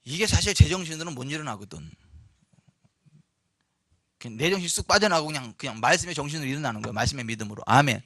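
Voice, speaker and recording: A male pastor preaching a sermon, shifting from chatty, joking asides to loud, emphatic proclamations. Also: fairly high pitch, lively intonation, quick pace, pauses often, dry recording, clean studio sound. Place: church sanctuary.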